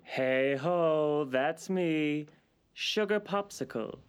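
An actor playing a lewd island host who talks in a sly, suggestive way and drops into whispers. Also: male voice, a little high, very slow, clean tone.

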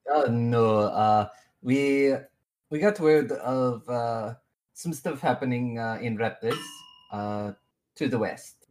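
A woman acting as game master of a tabletop game, narrating in a relaxed way, often laughing and restarting her sentences. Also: extremely low pitch, takes it slowly, a little hiss or hum.

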